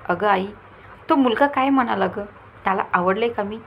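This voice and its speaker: Rohini is a cheeky, impulsive young woman, wheedling and teasing as she talks, as a woman storyteller gives her a voice. Her pitch sits in the middle. There is a faint bit of noise behind her. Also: normal speed, creaky, lo-fi sound, lightly acted. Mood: playful. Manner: lively, pleading, teasing.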